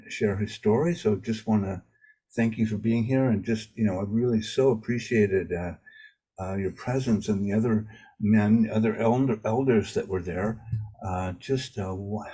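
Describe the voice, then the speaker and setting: A man hosting a casual video interview, talking haltingly with many fillers and restarts. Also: fairly low pitch, dark tone, breathy edge, rough recording. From Maine. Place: home in Maine.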